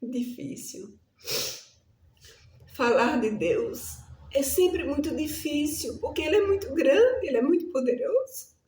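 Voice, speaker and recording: A woman's voice: high-pitched, expressive, unhurried, a little mellow, reverberant. A woman preacher telling a testimony in an earnest, emotional sermon style, often calling out to her listeners. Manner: earnest, addresses the listeners as "amados".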